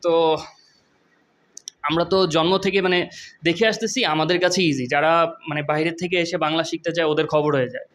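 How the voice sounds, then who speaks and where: A young man from Bangladesh giving a casual video lesson on an English exam. He explains in a relaxed way and slows down to read English passages carefully. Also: on the high side. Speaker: IELTS teacher.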